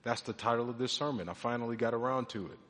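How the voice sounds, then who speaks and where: A man, a pastor in his thirties, preaching a sermon with lively emphasis that swings between loud and hushed. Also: mid-range voice, fast. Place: church sanctuary. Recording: long reverb of a large hall.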